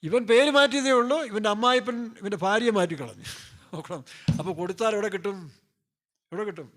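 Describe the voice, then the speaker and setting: A man's voice: high voice, fast talker, fairly bright tone, slight background noise. A male pastor preaching a sermon in a loose, joking way, firing off rhetorical questions and playfully acting out scripture characters.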